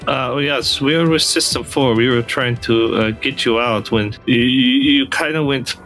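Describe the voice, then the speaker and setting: A man's voice: mid-range voice, unhurried, fairly bright tone, faint music behind. A man playing a tabletop role-playing game who jokes around and hesitates, unsure what to say. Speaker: player. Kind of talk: casual tabletop play.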